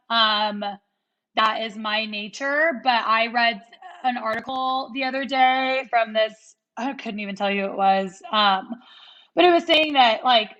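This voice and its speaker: A woman's voice: fairly high pitch, bright, forceful tone. A woman around thirty hosting a podcast, chatting casually and reflectively with many fillers. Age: 30s. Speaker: podcast host. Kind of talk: casual chat. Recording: dull lo-fi sound.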